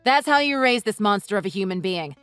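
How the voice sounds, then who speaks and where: A woman's voice: mid-range voice, animated, brisk, clear, resonant tone, no room sound, lightly acted. Woman voicing a furious, sarcastic wife. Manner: sarcastic, cutting, mocking. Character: furious wife tearing into her in-laws. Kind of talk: read-aloud text-message story. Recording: dry voice with soft music underneath.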